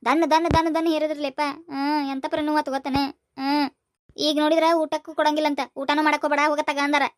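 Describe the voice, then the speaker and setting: Cast: voice actor as a cheeky, lazy village boy in a cartoon, North Karnataka accent, rapid high chatter. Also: little pitch movement, no echo, clean studio sound, natural voice. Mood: sulky. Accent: North Karnataka Kannada. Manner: quick, high and squeaky, bickering. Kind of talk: cartoon voice acting.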